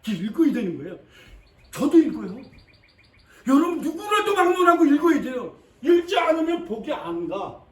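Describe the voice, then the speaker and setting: A male pastor preaching a sermon in an emphatic, repetitive way, with sudden swings between loud and quiet. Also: very high-pitched, very animated, normal speed. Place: church sanctuary. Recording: echoey church from a distance.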